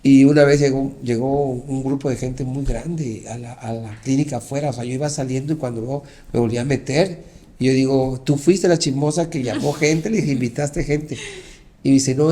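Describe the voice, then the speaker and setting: Warm-voiced man telling a lively testimony. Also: medium pitch, normal speed. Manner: animated storytelling, acting out dialogue. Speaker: pastor. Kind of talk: personal testimony in an interview.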